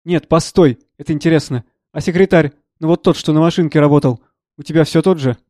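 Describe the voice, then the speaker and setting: A man reading the part of a gruff, blunt elderly friend who speaks curtly and probes. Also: fairly high pitch, fairly quick, darkish tone, dry recording, lightly acted. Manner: curt, dry, probing.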